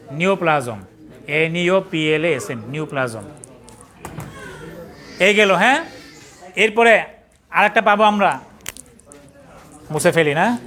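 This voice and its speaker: High bright-voiced Bangladeshi man lecturing a class. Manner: quizzing the class with call-and-response, spelling terms out letter by letter; scolding latecomers and joking in colloquial speech. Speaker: pathology trainer.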